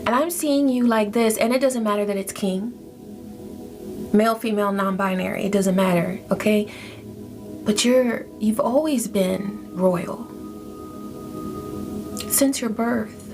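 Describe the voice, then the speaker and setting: This tarot reader has a medium-pitched voice and an unhurried delivery with long pauses. She gives her listener a spiritual reading in a calming, affirming way, over background music.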